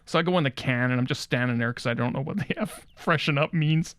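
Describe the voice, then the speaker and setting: A man's voice: mid-range voice, fast, a bit bright, no room sound, studio quality, close to an everyday voice. A man playing a crude, cocky guitar store owner who brags about rock and says 'effing' in place of swears. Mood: cocky boasting. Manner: swaggering, swaps swears for 'effing' and 'F'. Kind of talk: comedy character monologue.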